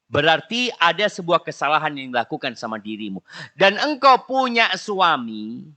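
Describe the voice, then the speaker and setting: A man with an Indonesian accent preaching in a mosque, answering questions with a lively delivery that swings from soft asides to loud, emphatic bursts. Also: mid-range voice. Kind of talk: Islamic study sermon.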